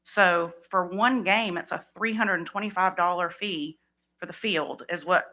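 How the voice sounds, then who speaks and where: A woman's voice: on the low side, a little slow, bright, forceful tone. A woman speaking matter-of-factly at public comment during a county meeting, explaining field fees.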